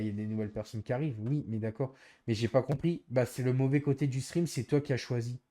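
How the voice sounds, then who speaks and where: Male streamer, mellow voice, exasperated, repeating himself to chat. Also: medium pitch. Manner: exasperated, explaining himself over and over. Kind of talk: casual live-stream chat to viewers.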